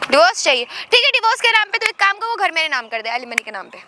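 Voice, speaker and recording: A woman's voice: extremely high pitch, sing-song, quick pace, background noise. A woman acting a scheming, domineering young wife who taunts and threatens her husband in a skit. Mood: taunting. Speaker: actor in a short domestic drama skit.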